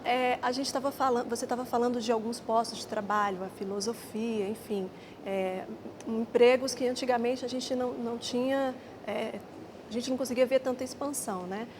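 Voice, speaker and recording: A woman's voice: on the high side, noisy background. A woman TV host, presenting the show and putting questions to a guest. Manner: clear presenter delivery. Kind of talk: studio interview hosting.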